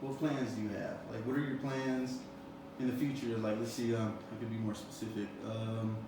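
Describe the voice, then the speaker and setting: A man's voice: on the low side, fairly even intonation, normal speed. A man in his twenties hosting an interview, rambling with lots of "you know" and "um" fillers. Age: 20s. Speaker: interview host. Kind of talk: casual interview. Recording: roomy echo, far from the mic, background noise.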